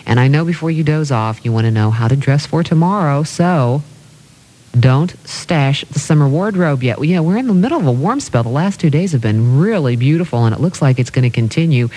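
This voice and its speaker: A man's voice: a little high, animated, normal speed, dark tone, rough recording. A man working as a radio announcer, giving a conversational weather report.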